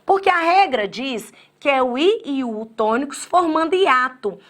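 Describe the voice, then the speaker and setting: Lively Brazilian woman teaching grammar. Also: high-pitched. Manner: lively, talks straight to students, acts out their objections; spells words out slowly by syllable. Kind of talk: online exam-prep lecture.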